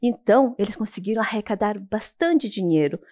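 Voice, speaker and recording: Animated Brazilian woman telling a children's story. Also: mid-range voice. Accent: Brazilian Portuguese. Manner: animated, dramatic pauses and sudden whispers.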